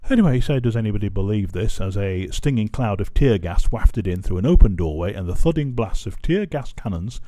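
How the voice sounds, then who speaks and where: Amused man with a lively voice. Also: fairly low pitch, fairly quick, hardly any pauses. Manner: amused, keeps breaking into laughter. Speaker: vlogger. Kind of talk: casual commentary reading a news article.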